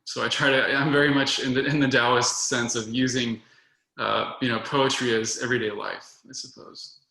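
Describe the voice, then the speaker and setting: Male poet reading own work, steady flat delivery, bright gravelly voice, roomy echo. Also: mid-range voice, normal speed. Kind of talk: poetry reading.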